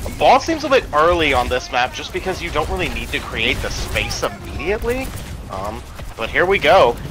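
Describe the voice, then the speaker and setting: A man's voice: a little high, very animated, normal speed, music in the background. A man casting an amateur video game match with playful, rambling play-by-play commentary full of ums. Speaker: esports caster.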